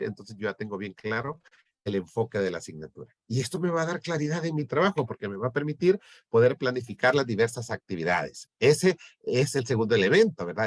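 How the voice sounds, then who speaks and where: A man's voice: mid-range voice, no room sound. Man lecturing teachers, dry close sound. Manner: explanatory, keeps asking "¿verdad?". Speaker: teacher trainer. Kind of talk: lecture on lesson planning.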